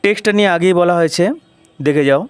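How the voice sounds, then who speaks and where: A man with a Bengali accent teaching an English lesson, reading English lines slowly, then explaining them in Bengali and spelling out words for pronunciation. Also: high voice, clear, resonant tone, no echo. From West Bengal, India.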